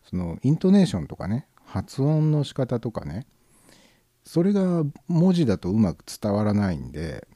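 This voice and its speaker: A man from southern Gifu, Japan, with a Gifu-Nagoya accent, hosting a casual internet radio show alone in a relaxed, musing way, with many fillers. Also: fairly low pitch, normal speed, no room sound, studio quality. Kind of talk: casual solo chat.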